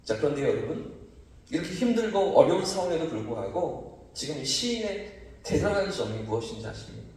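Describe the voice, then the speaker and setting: A man's voice: a little high, very animated, brisk, darkish tone. A man preaching as pastor at a dawn prayer service, asking rhetorical questions and rising to emphatic cries. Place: church sanctuary. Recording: distant mic, heavy church echo.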